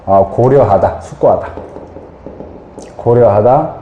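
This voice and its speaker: A man's voice: medium pitch, slow, reverberant, lo-fi sound, slight background noise. A man teaching English vocabulary in a lecture, often asking questions and answering them himself. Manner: lively, asks and answers his own questions.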